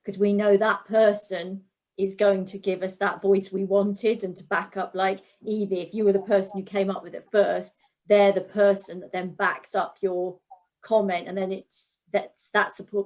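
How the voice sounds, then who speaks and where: A woman's voice: mid-range voice, little pitch movement, moderate pace, a little mellow. Woman, panelist, reflective, advice-giving. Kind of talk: panel discussion.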